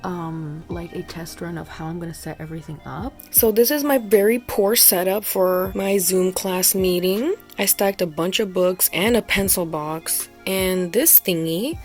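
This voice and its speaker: With soft music in the background, a young student vlogger talks to her phone camera on the couch from her home room beneath a loft bed, rambling and using fillers. Her voice is fairly low and darkish, a little slow, with few pauses.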